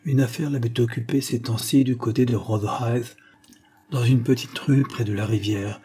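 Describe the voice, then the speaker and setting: A man's voice: medium pitch, steady tone, moderate pace, mellow, husky, close to an everyday voice. A man reading an audiobook, voicing an anxious, deferential elderly landlady. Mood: worried. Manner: anxious, respectful.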